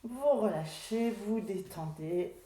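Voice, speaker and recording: A woman teaching a Pilates class, giving calm, unhurried cues about breathing and posture. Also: medium pitch, slight background noise. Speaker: Pilates instructor. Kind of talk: guided exercise class instruction. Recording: very echoey room.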